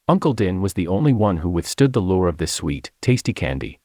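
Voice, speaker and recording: A man from China, narrating his memoir as an audiobook in an expressive storytelling manner. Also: low-pitched, brisk, no room sound, clean studio sound.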